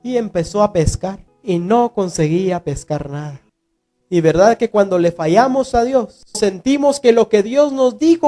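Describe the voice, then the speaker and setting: A male preacher giving a sermon, retelling a story dramatically and acting out the voices of its figures. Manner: dramatic storytelling, acting out voices with big swings in pitch and loudness.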